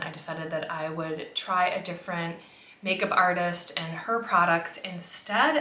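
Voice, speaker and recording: A woman's voice: lowish voice, sharp tone. An American woman chatting casually and candidly to camera as a makeup vlogger, in a reflective, conversational way. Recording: roomy, echoey indoor sound.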